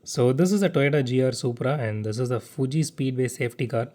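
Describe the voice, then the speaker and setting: Halting man. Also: medium pitch, mellow. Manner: halting, stuttering with restarts. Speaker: diecast model car unboxing channel host. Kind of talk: casual unboxing vlog. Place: home living room without air conditioning.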